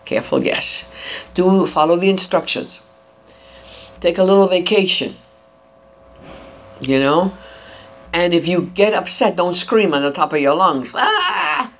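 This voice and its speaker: An older entertainer giving an interview, talking in an animated way and demonstrating voices while handing out advice. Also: medium pitch, unhurried, long pauses. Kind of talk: interview chat. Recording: dull lo-fi, faint noise.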